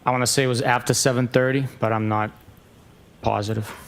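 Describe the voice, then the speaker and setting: Flat-toned policeman giving hesitant testimony. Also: mid-range voice, brisk, slight background noise. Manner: matter-of-fact, hesitant, formal. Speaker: police sergeant testifying as witness. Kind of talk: courtroom testimony. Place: courtroom.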